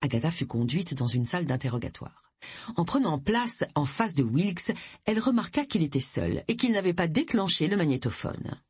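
An expressive audiobook narrator with a lively, wide-ranging intonation. The slightly husky voice is recorded close and dry, with no room sound. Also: mid-range voice, normal speed, dry recording. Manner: expressive storytelling. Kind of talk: scripted narration.

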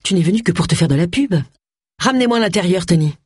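Reader putting on a tart middle-aged woman, husky, a bit higher, lively. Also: quick pace, no echo, studio quality. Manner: tart and complaining. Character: prickly middle-aged woman, sharp-tongued.

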